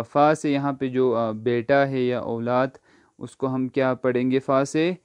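A male language teacher at a mid-range pitch, with a smooth, resonant voice heard close and dry. He speaks slowly and patiently, poses each question himself, answers it, and spells the word out letter by letter. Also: a little mellow, dry recording. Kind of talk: online lesson, slow word drills.

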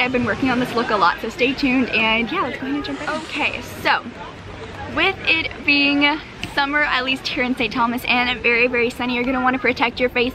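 A young woman hosting a makeup tutorial, bubbly and chatty, sitting at an outdoor picnic table near the beach and filming herself up close. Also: high-pitched. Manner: bubbly, chatty, lots of "super" and "fantastic". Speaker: beauty vlogger. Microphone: handheld camera close up.

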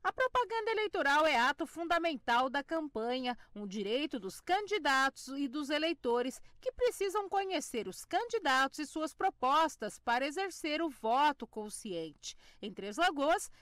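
High-pitched woman reading the news. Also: no echo, clean studio sound. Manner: steady, clear scripted delivery. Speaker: news reporter. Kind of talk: news narration and interview questions.

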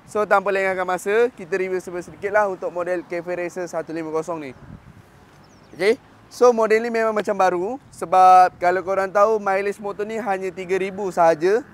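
A Malaysian Malay-accented man in his thirties talks like a cheerful dealer, dropping quick English fillers between points. His voice sits high for a man. Faint traffic and street sound hang behind him in an open lot. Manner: upbeat salesman patter, mixes in English fillers. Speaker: motorcycle dealer. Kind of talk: sales video walkthrough. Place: outdoor parking lot of a motorcycle shop.

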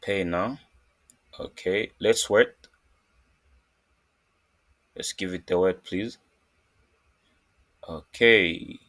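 A man from Zambia hosting a casual screen-recorded coding tutorial, talking in a halting way with many fillers and restarts. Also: sits low, fairly even intonation, fairly bright tone. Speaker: programming tutorial host.

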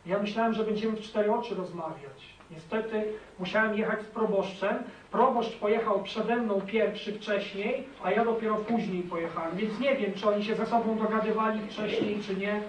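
A man's voice: high-pitched, steady tone, normal speed, a little hiss or hum. A man, a former priest, giving an earnest, emphatic testimony to an audience, often checking in with his listeners. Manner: earnest, emphatic, appeals to listeners with tag questions. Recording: echoey hall, voice from a distant mic.

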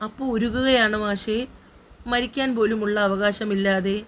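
A woman voicing a caring young female friend who gently urges someone on a late-night phone call. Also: medium pitch, steady tone, moderate pace, slight background noise, close to an everyday voice. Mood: worried, urging.

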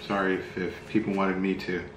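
A middle-aged man giving a casual, halting, low-key food review as he tastes, recorded at a table indoors. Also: level tone, music in the background. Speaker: spicy food review host. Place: small bright room indoors. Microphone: camera mic across a table. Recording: echoey room, faint background noise.

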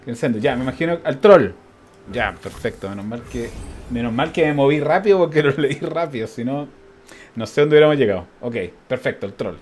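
A streamer with a Chilean accent gives casual gameplay commentary in a medium-pitched voice, animated and brisk. He thinks aloud, counts out loud, and chuckles often.

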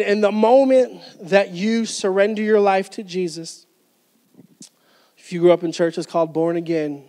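With a very high-pitched, slightly mellow voice, a pastor in his thirties preaches into a handheld mic on a church stage. He speaks emphatically, restarts repeatedly and gestures throughout. The medium-sized indoor hall produces a long reverb.

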